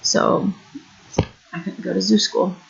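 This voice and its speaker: Slow and flat, with vocal fry and a slightly rough, medium-pitched voice, an Illinois woman around thirty talks through her troubles in a rambling vlog rant. She sounds frustrated and self-deprecating, sitting on her couch at home, and the recording is muffled.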